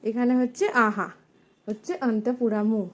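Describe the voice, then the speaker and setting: A woman gives a relaxed home lesson in a fairly high voice. She speaks patiently, says each letter more than once and draws the sounds out slowly. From India. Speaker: teacher of a language lesson. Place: home, with her small son nearby.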